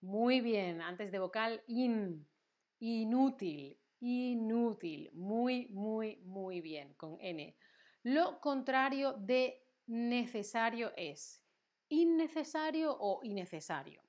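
A woman's voice: a little high, extremely slow. A woman teaching grammar in a livestream lesson, patient and repeating words to drill them. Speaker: Spanish teacher.

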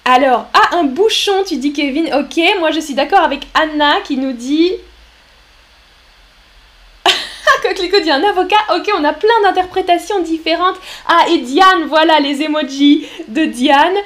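A woman teaching a live French lesson, speaking slowly and clearly and reading out viewer comments. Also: high voice, a bit bright.

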